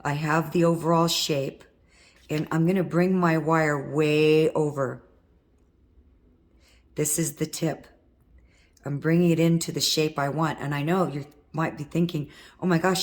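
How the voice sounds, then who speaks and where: Low, hoarse woman teaching a craft. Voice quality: husky from vocal cord nodules. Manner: chatty, talks while working with her hands. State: hoarse, worn-out voice. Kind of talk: step-by-step craft tutorial.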